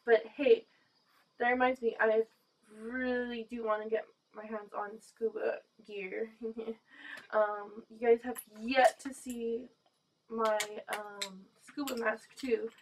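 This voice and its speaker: A woman's voice: on the high side, level tone, takes it slowly. A woman vlogger chatting casually through a gas mask, rambling with lots of fillers and little laughs. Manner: chatty, many fillers, giggly. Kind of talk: casual rambling chat to camera. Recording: dull lo-fi sound.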